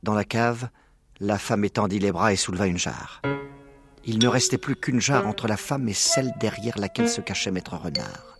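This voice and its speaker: A man calmly reading a children's story aloud. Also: lowish voice, normal speed, creaky, music in the background. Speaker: narrator.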